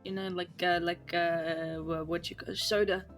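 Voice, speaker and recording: A woman's voice: lowish voice, flat delivery, measured pace. Breezy, slangy woman with music behind. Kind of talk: casual in-character role-play chat.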